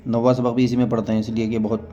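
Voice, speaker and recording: A man's voice: mid-range voice, level tone, warm tone, muffled recording. A man teaching a beginners' reading lesson, patiently sounding out short words one at a time.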